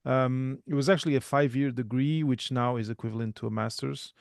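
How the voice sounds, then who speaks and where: A man, talking as a guest in a relaxed, thoughtful way with frequent restarts. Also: mid-range voice, a little fast, creaky, dry recording, studio quality. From Portugal. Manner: thoughtful, self-correcting, many restarts. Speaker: podcast guest. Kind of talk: casual interview talk.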